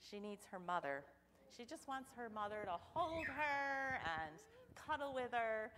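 Lively woman with a children's sermon. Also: on the high side, measured pace, a crowd in the background. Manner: animated, questioning children playfully. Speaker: children's message leader. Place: church sanctuary. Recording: church hall reverb.

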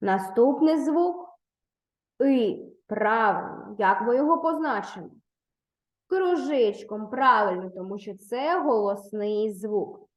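A woman with a fairly high voice teaches young children at an unhurried, deliberate pace. She is patient and encouraging, praising answers and guiding pupils step by step. The recording carries a roomy echo. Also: animated. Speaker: primary school teacher. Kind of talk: online lesson for third graders.

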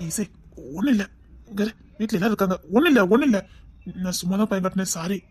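A woman's voice: medium pitch, fast talker, darkish tone, soft background music, lightly acted. A woman voicing a possessive young male hero. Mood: soothing. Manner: teasing then coaxing, intense and possessive. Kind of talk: amateur audio drama acting.

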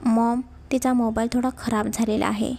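Woman reading as a snappy stressed young husband, gravelly low tone, storybook. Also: flat delivery, moderate pace, dark tone. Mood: irritated. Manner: short, snappish replies.

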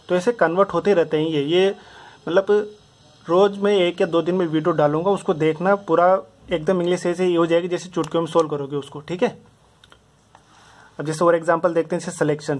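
Male grammar teacher, fairly high voice, patient step-by-step repetition. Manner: repetitive, explains step by step with many examples. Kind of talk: casual Hindi lesson explanation.

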